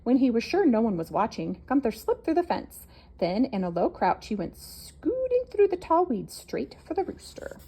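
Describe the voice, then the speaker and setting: A woman reading a children's picture book aloud, expressive and animated. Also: normal speed, breathy edge. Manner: expressive, with wide swings in pitch. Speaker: storybook reader.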